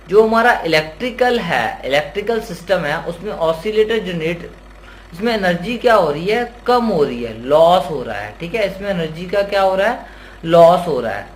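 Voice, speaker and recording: High-voiced male teacher quizzing his students. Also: slight background noise. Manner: repeats key terms as questions to the viewer; voices imagined student questions addressed to "sir". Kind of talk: classroom-style Hindi lecture.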